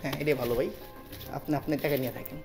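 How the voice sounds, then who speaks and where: A woman's voice: very deep voice, fairly even intonation, rapid-fire, darkish tone, soft background music. A woman performing as a magician in kids party style, coaxing a participant through interactive tricks with magic chants and patter.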